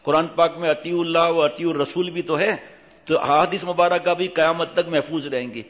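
Preacher: a man with a higher-pitched voice who talks with the crowd and acts out the people in his stories. Dull recording with a long hall reverb. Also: fairly even intonation, fairly bright tone. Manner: conversational, asks the audience questions, acts out the voices in his stories. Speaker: Islamic preacher. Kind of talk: sermon with anecdotes.

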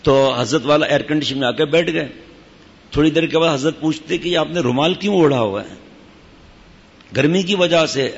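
A man's voice: on the high side, long pauses, husky. A man, a sheikh speaking to his disciples, gives an informal religious talk in a conversational way, breaking off now and then for asides to his listeners. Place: gathering in a Sufi lodge. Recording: dull, echoey hall recording.

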